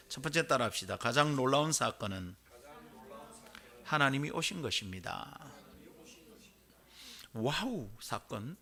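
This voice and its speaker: A man's voice: medium pitch, gravelly, fairly bright tone. A male pastor with a Gyeongsang accent preaching a sermon in a church and having the congregation repeat his phrases. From Korea. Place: church sanctuary.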